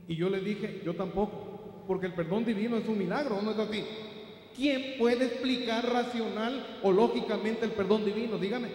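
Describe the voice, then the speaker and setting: A middle-aged Mexican man preaching a sermon as pastor, rising to emphatic peaks and dropping to soft asides. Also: sits high. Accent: Mexican Spanish. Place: large church hall. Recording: very echoey church hall.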